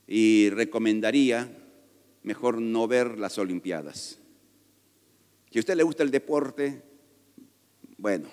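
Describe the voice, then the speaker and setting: A man's voice: lowish voice, a little mellow. A man preaching a sermon as pastor, emphatic and conversational, with joking asides to his congregation. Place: church sanctuary. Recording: reverberant church hall.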